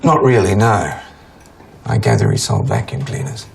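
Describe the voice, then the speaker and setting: An actor playing a polite, dry-humoured doctor in a period drama. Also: male voice, sits low, wildly swooping pitch, normal speed, gravelly, a little hiss or hum, exaggerated voice. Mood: calm.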